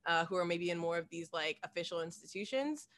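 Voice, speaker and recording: A Des Moines woman in her twenties, running for council, chats through casual interview answers, laughing often and dropping "like" constantly. Her voice is lowish and fairly bright, expressive, and she speaks briskly.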